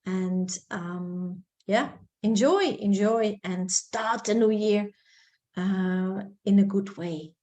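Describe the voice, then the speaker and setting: A woman's voice: mid-range voice, takes it slowly, warm tone. A woman from Belgium, giving an upbeat, persuasive presentation over a video call. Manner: upbeat and persuasive, urging listeners on. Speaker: presenter of an info session.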